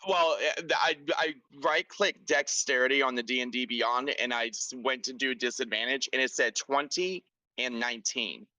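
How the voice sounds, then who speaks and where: Man, game player, bright tone, dry close sound, rambling and halting, lots of fillers. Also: mid-range voice, dry recording, poor audio. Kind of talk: casual tabletop game chat. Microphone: voice chat.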